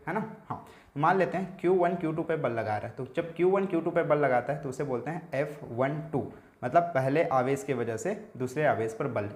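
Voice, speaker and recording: A man teaching a physics revision lecture. He explains slowly and checks in with his students after almost every step. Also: medium pitch, a little mellow, echoey room. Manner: explaining slowly, repeating himself with frequent "ठीक है" checks.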